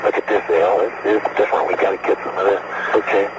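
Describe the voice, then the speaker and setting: A man's voice: low voice, level tone, fast, very noisy. A man talking as an astronaut over an archival radio link, chatting casually with a crewmate as he works. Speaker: astronaut on a moonwalk. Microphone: headset in spacesuit.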